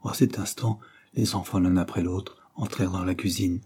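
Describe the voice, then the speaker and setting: A man narrating an audiobook in a steady, even reading. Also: low voice, moderate pace, husky. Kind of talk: scripted narration.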